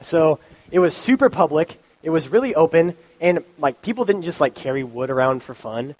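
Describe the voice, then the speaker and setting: His voice is a little high and a little mellow, expressive and moderately paced, as the young pastor, nursing a cold and sniffling, gives a casual, chatty youth sermon heavy on ums and likes. The low-quality recording comes through a handheld or stand mic.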